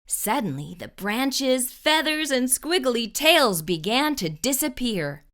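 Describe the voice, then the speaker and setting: A woman narrating a children's storybook expressively, with deliberate, dramatic pauses. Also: high-pitched, sing-song, a bit bright. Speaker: children's storytime host reading aloud.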